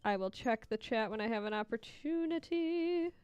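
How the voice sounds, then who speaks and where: Female livestream host, smooth clear voice, playful chatty delivery, close dry sound over music. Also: fairly high pitch, lively intonation, normal speed, darkish tone, no echo. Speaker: livestream host and Etch A Sketch artist. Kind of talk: casual livestream chat and running commentary to viewers.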